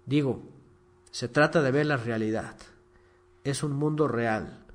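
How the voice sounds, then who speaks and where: A man preaching a sermon, emphatic and fond of mocking impressions of shouting preachers. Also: mid-range voice, slow.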